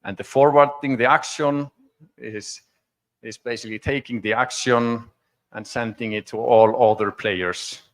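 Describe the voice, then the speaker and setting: A man from Iceland walks an audience through a technical demo from a conference stage. His mid-range voice is a little slow with fairly even intonation, and his style is casual, explanatory and conversational.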